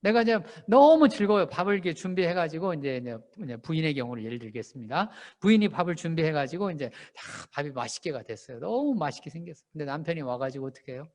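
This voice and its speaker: Man, pastor, animated sermon delivery, quizzes the congregation, wide swooping pitch, church hall reverb. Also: fast, few pauses. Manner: animated, asks the congregation questions and acts out shouted lines. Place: church sanctuary.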